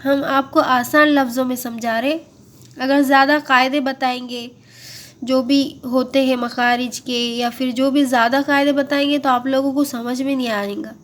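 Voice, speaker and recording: A woman teaching Quran recitation in a patient, step-by-step tajweed lesson, drawing out words slowly as models and then explaining them. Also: high voice, steady tone. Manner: slow, drawn-out model recitation between explanations; patient, repeats and checks understanding.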